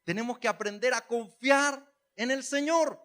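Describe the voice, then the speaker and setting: Male pastor, high bright voice, folksy humorous sermon delivery. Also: measured pace. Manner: conversational preaching with humor, rising to emphatic calls.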